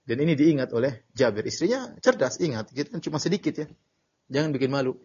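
Husky-voiced male teacher giving a lecture. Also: medium pitch. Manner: animated storytelling with sudden emphatic bursts; frequent filler "ya" and halting restarts. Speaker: Islamic teacher. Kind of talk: religious study lecture. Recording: dull lo-fi lecture recording.

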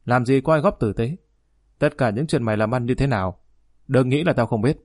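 A stern aging father lashes out at his son in a harsh, raised voice, as a male audiobook narrator reads him. The voice sits at a middle pitch. The recording is close and dry. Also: a little fast, no room sound, lightly acted. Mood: scolding. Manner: harsh, scolding, loud.

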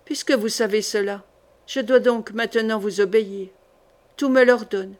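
A woman reading the lines of a gentle, devoted young woman in a historical audiobook, speaking softly and tenderly. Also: mid-range voice, steady tone, normal speed, lightly acted.

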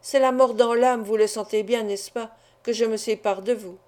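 A woman's voice: on the high side, fairly even intonation, normal speed, darkish tone, lightly acted. A woman reading the lines of an anguished, honourable middle-aged father in an audiobook, grave and resolute. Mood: grave insistence.

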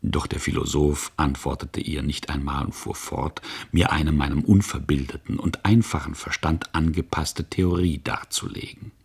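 Very deep, gravelly male narrator. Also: steady tone. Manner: measured literary reading. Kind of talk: scripted audiobook narration.

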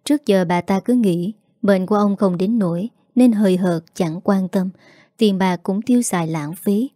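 A woman narrating a family drama story in a steady scripted storytelling manner. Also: medium pitch, moderate pace, no room sound, studio quality.

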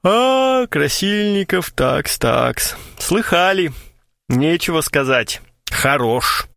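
A man's voice: a little high, animated, slow pace, vocal fry, a bit bright, no room sound, clean studio sound, pitched above the performer's own voice, full character voice. A man voicing a lazy male poet who talks in a drawling, pompous, mock-solemn way.

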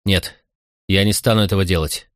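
A man voicing a firm, resolute young Roman officer in an audiobook, giving quick commands. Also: sits low, steady tone, a bit bright, no echo, studio quality.

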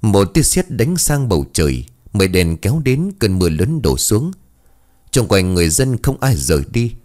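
Low-voiced man telling a ghost story. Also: moderate pace. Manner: dramatic, expressive storytelling. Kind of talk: scripted ghost-story narration.

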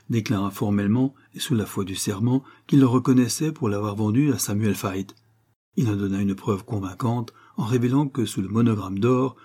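A man reading a novel aloud as narrator, in a measured, steady storytelling manner. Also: on the low side, slightly rough.

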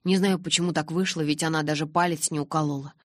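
A woman's voice: low-pitched, fairly even intonation, fast, no room sound, studio quality, lightly acted. A woman doing a shaken, insistent teenage boy. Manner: trembling and insistent.

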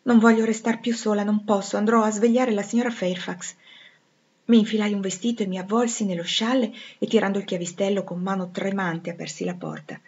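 A woman's voice: mid-range voice, darkish tone. A woman reading a classic novel aloud with drama, dropping almost to a whisper at tense moments. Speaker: audiobook reader. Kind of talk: expressive literary reading. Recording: slightly dull lo-fi recording.

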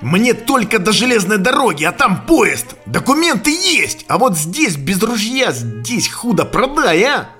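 A weary young fugitive, voiced by a male reader who talks quietly and subdued. The tone keeps a bright, forward edge under the hushed delivery. Faint music runs underneath the audiobook. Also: very animated, a little slow, hardly any pauses, heavily acted. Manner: quiet, subdued, low-keyed. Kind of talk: audiobook character voicing.

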